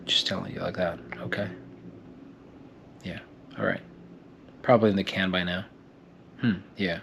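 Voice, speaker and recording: A young man muses aloud in a solo vlog, drifting between thoughts and often restarting and repeating words. His voice is a bit low and his tone is reflective. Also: fairly even intonation, normal speed, vocal fry, a bit bright, a little hiss or hum. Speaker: actor and fitness vlogger.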